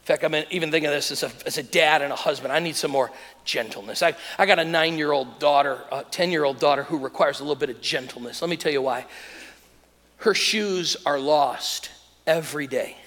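Male pastor, 30s, sermon, storytelling, hushed then exclaiming, slightly high voice, long hall echo. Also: fairly quick. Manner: animated storytelling, swings between soft lows and loud exclamations.

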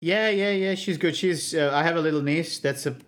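A man's voice: fairly high pitch, fairly quick. A man, a guest telling stories in casual chat, swearing freely and acting out both sides of conversations. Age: 30s. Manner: animated storyteller, swears freely, acts out both sides of calls.

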